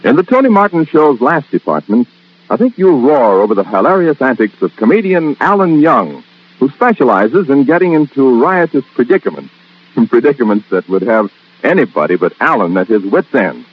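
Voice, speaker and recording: A man pitches the evening's radio lineup with a lively, swinging delivery. His voice is slightly husky. The sound is dull and lo-fi, like an old 1940s broadcast transcription disc. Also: normal speed. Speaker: radio network announcer. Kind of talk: promotional radio announcing.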